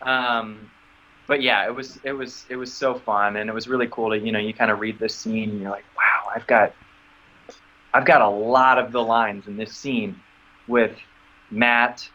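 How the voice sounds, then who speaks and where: An actor being interviewed speaks at a moderate pace, casually narrating a story about his acting work. When quoting dialogue he animatedly acts it out, breaking into sudden high squeaks, and the recording lacks its high frequencies.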